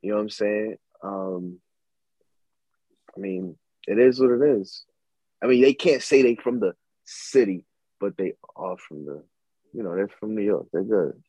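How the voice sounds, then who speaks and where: Husky low-voiced man, laid-back. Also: lively intonation, unhurried, long pauses, dark tone, no room sound. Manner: laid-back, musing, slangy. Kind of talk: casual chat.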